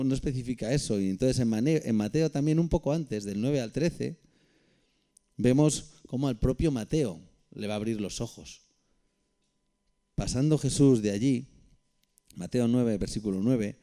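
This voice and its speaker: Medium in pitch with a dark tone, the man reads scripture aloud in a Peninsular Spanish accent. His Bible study preaching includes casual remarks directed at his audience.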